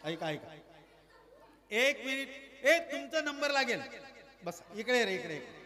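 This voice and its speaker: Bright high-voiced man doing kids' magic show. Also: sing-song, measured pace. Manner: playful, coaxing, asks the crowd questions. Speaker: stage magician performing for children. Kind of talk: lively stage patter with audience.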